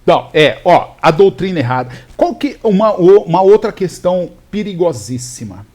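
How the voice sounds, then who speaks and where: A male pastor explaining scripture in a casual chat, telling it with animated restarts and fillers. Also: high-pitched, moderate pace. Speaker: pastor, podcast co-host.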